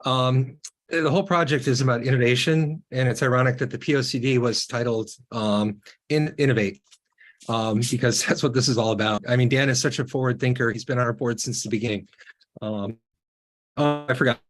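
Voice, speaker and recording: A man's voice: medium pitch, fairly even intonation, fairly quick. A man giving a nervous, rambling public comment at a city meeting over a video call, his voice breaking up through a bad connection. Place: home room.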